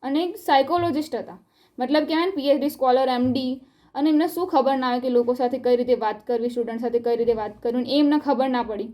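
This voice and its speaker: A woman's voice: sits high, fast, dark tone. A young woman, a college student, giving an earnest and upset personal statement in a self-recorded video. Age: young adult.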